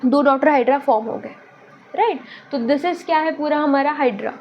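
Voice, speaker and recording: Young woman teaching bio, high voice, chatty, quizzes herself, faint hum behind. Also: moderate pace, dull audio. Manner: chatty, mixes Hindi and English, asks and answers her own questions; self-mocking about her drawing. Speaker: biology teacher. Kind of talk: casual online lesson.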